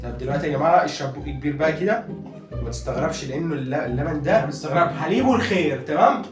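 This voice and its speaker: A man's voice: on the high side, animated, rapid-fire. A man with an Egyptian Arabic accent hosting a casual prank vlog, chatty and often repeating himself. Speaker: prank video host. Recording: echoey room with loud music.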